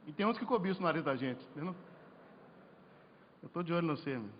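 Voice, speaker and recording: A man's voice: fairly high pitch, quick pace. Preacher man telling a testimony. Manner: storytelling, animated, jokes and rhetorical questions. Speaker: preacher at a men's congress. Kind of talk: sermon with personal testimony. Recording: lo-fi hall recording with faint noise.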